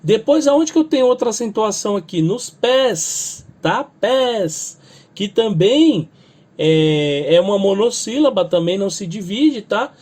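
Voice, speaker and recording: Lively high-voiced Brazilian music teacher. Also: male voice. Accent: Brazilian Portuguese. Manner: explains step by step, adds "tá?" and "né?" after nearly every phrase; sings or spells out lyrics slowly to show stress. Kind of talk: spoken music lesson.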